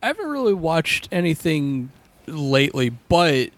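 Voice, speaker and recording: A man's voice: on the high side, sing-song, measured pace, no echo. A man on a casual film podcast, rambling a bit and correcting himself as he goes. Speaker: podcast co-host. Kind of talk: casual chat.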